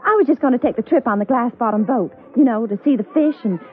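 Actress as a flustered young tourist. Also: female voice, fairly high pitch, expressive, lightly acted. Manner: flustered, halting, earnest. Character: naive young woman tourist, chatty, easily flustered. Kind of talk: 1930s film dialogue. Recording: tinny, hissy old film soundtrack.

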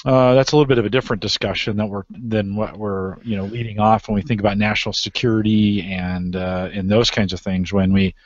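A man's voice: lowish voice, little pitch movement, fairly quick, few pauses, no room sound, lo-fi sound. A man hosting a casual discussion, talking in loose, rambling sentences full of restarts and fillers. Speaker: podcast host.

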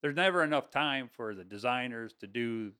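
A man's voice: mid-range voice, animated, moderate pace, pushed and bright, clear, resonant tone. Rambling man talking shop. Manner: rambling, many restarts, laughs easily. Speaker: guest, construction and plant project worker. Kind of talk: casual conversational interview.

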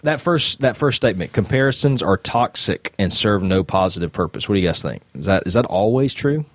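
A man with a very deep voice leads a relaxed podcast conversation. He reads out points and turns them into questions for his co-hosts. The sound is dry and close. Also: brisk, dry recording. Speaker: podcast host. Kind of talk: casual chat.

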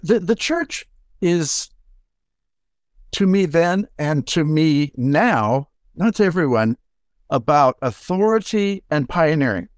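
An older man, a music professor, giving a reflective, halting acceptance talk full of pauses and restarts. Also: on the high side, expressive, no room sound, clean studio sound. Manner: halting, many fillers and restarts. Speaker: award recipient, music professor.

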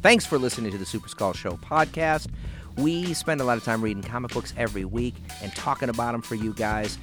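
A man's voice: medium pitch, fairly quick, over music. A man hosting a podcast, chatting casually and enthusiastically about comics and board games. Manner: enthusiastic, informal. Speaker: podcast host.

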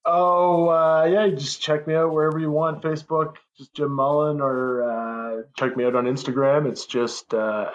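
Brief: male musician guest, even-toned and easygoing, slightly muffled line. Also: mid-range voice. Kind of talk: casual interview talk.

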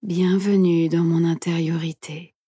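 A woman leads a guided meditation very slowly in a soothing, breathy near-whisper. Her tone is mellow and rather low, with soft pauses between phrases. The sound is close and dry. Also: flat delivery, no room sound. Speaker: meditation instructor and podcast host.

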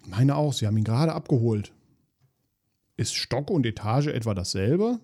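A man's voice: mid-range voice, expressive, normal speed, darkish tone. A man hosting a podcast, reading jokes aloud in a dry, weary, self-mocking way, with asides between them.

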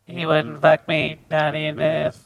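A man's voice: fairly high pitch, monotone, a little slow, vocal fry, no echo. A man talking through a metallic robot voice changer, joking around as a crude robot on a comedy podcast. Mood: deadpan robotic. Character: goofy crude male robot. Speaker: podcast co-host. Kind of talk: casual comedy podcast banter.

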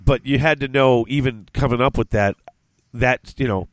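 A man's voice: mid-range voice, dry recording. Congested man rambling on a podcast. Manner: rambling, halting, many restarts. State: congested from a cold. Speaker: podcast host. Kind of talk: casual podcast chat.

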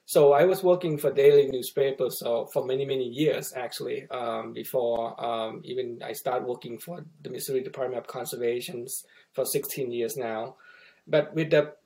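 A man's voice: medium pitch, steady tone, normal speed, creaky, mellow, rough recording. A middle-aged man from Thailand, a native Thai speaker, telling his story as a podcast guest with many restarts and fillers. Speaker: guest photographer. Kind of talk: casual interview storytelling.

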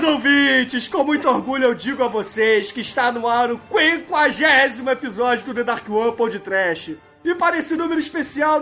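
A man's voice: extremely high pitch, bright, forceful tone. A Brazilian man hosting a comic podcast in a hyped presenting style. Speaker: podcast host.

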